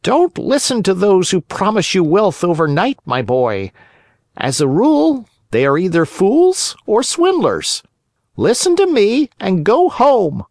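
A man's voice: sits high, wildly swooping pitch, measured pace, a little mellow, no room sound, clean studio sound, pitched above the performer's own voice, exaggerated voice. A man voicing the faint ghost of a small, preachy male cricket who gives advice. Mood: pleading. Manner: faint, otherworldly, lecturing.

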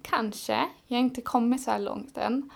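A woman with a slightly high voice in relaxed conversation. She speaks reflectively and slows down to make her points. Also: creaky. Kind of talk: casual chat.

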